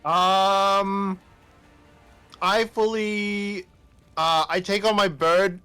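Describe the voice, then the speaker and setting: A man's voice: sits high, level tone, extremely slow, bright, forceful tone, clear, resonant tone, soft background music. A man playing a tabletop game in a casual, playful and goofy way. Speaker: player.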